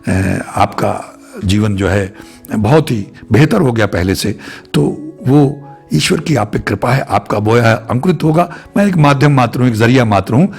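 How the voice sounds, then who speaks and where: A man's voice: medium pitch, lively intonation, moderate pace, creaky, darkish tone, faint music behind. A man giving a reflective spiritual talk to his viewers, repeating phrases in long lists. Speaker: spiritual speaker.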